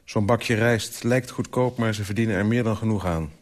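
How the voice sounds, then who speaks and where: Man reading as a bitter middle-aged uncle, grumbling, muttering, scornful, lowish voice, radio story. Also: moderate pace, close to an everyday voice.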